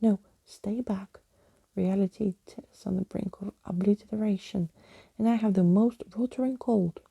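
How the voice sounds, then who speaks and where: Lady doing a flustered old skeleton gent, wordy storybook type, shrieky, very soft dark tone. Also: mid-range voice, fairly even intonation, measured pace, creaky, husky, highs cut off, heavily acted. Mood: panicked. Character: panicky, theatrical old male skeleton gentleman. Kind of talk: acted storybook reading.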